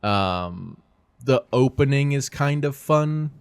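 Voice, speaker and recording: A man's voice: mid-range voice, lively intonation, slow pace, creaky, clear, resonant tone, dry recording. A man co-hosting a casual movie podcast, rambling and hesitant with lots of fillers. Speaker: podcast co-host.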